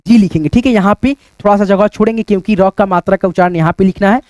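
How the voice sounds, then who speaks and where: A man teaching a whiteboard lesson, spelling out letters slowly and checking in with listeners, sweating as he works. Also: high-pitched, a little mellow, no room sound. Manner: repeats "friends" and tag questions, spells out letters slowly.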